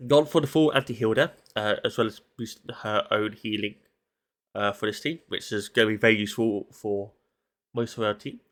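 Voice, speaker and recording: A fairly low-pitched man speaks at normal speed with a steady, slightly bright tone and a nose blocked by hay fever. Commentating solo on a recorded esports match, he stays casual and analytical, working through his thoughts aloud.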